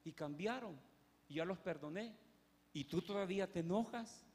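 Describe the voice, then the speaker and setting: A man's voice: sits high, moderate pace, creaky. A man preaching in a church, speaking as God, who patiently questions and reasons with a sulking prophet. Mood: reasoning. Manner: calm, probing questions, reasoning. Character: patient questioning God, calm fatherly male. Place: church hall. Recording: echoey church hall.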